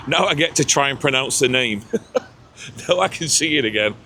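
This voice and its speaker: A man's voice: medium pitch, expressive, measured pace, sharp tone, a little hiss or hum. A man vlogging outdoors beside a canal lock, chatting loosely and laughing at himself as he walks and films on a handheld camera. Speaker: ship-watching vlogger. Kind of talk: casual on-location commentary.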